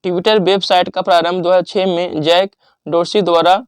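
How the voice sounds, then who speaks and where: A man teaching exam revision, reading out word lists and rules in a steady listing manner with pauses. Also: high voice, clear, resonant tone, no echo, studio quality.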